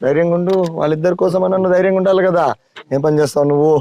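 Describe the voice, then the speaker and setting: A man's voice: high voice, steady tone, very fast, mellow, dull audio. A man, going door to door in a village and urging people in a familiar, coaxing way to vote. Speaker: campaigning politician. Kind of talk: door-to-door canvassing chat. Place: outdoors in a village street.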